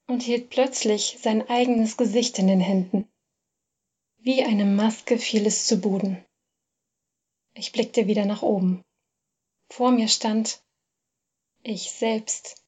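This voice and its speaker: A woman narrating a first-person literary story in a measured, expressive reading. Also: on the high side, husky.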